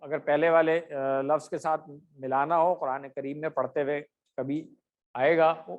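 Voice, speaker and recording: A man with a slightly raised pitch teaches an online class through a computer microphone. He speaks patiently and pauses often on fillers. He draws out each drill word slowly for his students to repeat. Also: level tone, narrow, tinny audio. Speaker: Arabic grammar teacher. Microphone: computer mic on a video call with camera off.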